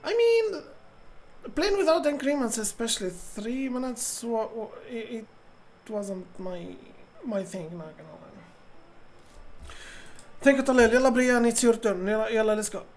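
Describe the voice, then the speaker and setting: A woman's voice: on the high side, animated, a little slow, slight background noise. A woman from Tunisia, chatting with viewers and thinking aloud as a chess streamer. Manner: chatty, reads chat aloud and thinks out loud over moves. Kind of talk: live-stream commentary.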